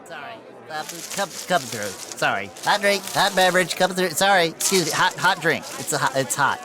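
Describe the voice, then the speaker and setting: A man acting a servile, jittery lackey in a fantasy audio comedy. His slightly high voice stammers apologetically, with soft music behind. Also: lively intonation, normal speed, close to an everyday voice. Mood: flustered, servile. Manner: flustered, stammering, deferential.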